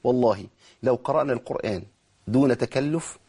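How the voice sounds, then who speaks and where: A man with an Egyptian accent teaching Quran recitation rules, explaining quickly and slowing down to model drawn-out words. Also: mid-range voice, dark tone, husky. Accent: Egyptian Arabic. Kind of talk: tajweed lesson, explaining and demonstrating.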